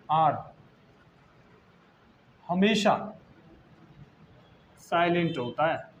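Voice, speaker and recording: A man with an Indian accent teaches a classroom English lesson in a fairly high voice. He spells words out letter by letter and asks questions that he then answers himself. A faint hiss sits under the recording. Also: muffled recording.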